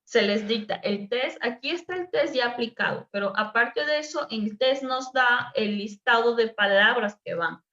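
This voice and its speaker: A woman's voice: on the high side, normal speed, hardly any pauses, bright, forceful tone. A woman teacher, patiently explaining a dyslexia assessment to a workshop group over a video call. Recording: echoey room, dull lo-fi sound.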